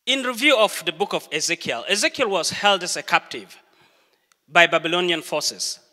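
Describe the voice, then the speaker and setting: A middle-aged Ugandan man delivers a sermon in a church, his bright, ringing, fairly high voice echoing with long hall reverb. He tells stories earnestly and expressively, pausing deliberately between phrases.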